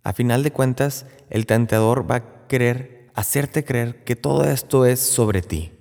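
Conversational preacher, hall reverb. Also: male voice, medium pitch, a little slow, vocal fry, darkish tone. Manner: conversational, frequent tag questions. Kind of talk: Lenten sermon retelling a Bible story.

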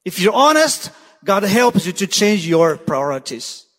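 High-voiced guest preacher, hall reverb. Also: male voice, big pitch swings, unhurried, fairly bright tone. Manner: urgent, repeats "listen" to drive points home. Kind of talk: sermon. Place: church sanctuary. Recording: long church hall reverb.

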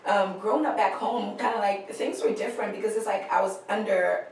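Woman from Liberia, co-host, gravelly tone, far from mic in a very echoey room. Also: mid-range voice, brisk, darkish tone, a little hiss or hum. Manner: affirming, quotes scripture, laughs often. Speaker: podcast co-host. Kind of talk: casual faith podcast chat.

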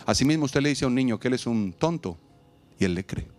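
Animated pastor preaching outdoors. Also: male voice, mid-range voice, fast, faint music behind. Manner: animated, humorous, acts out dialogues, asks the crowd to repeat. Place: outdoors in a parking lot.

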